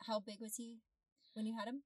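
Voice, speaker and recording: A woman's voice: on the high side, level tone, fairly quick, a little mellow, no room sound. Rambling woman talking from inside a closet. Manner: rambling, many fillers, laughs often. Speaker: podcast co-host. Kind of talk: casual podcast chat. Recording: dry, slightly distant closet sound.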